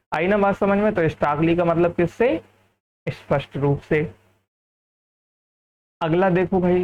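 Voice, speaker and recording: A man from India teaching a lively English vocabulary lesson, often checking whether the class has understood. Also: on the high side, lo-fi sound.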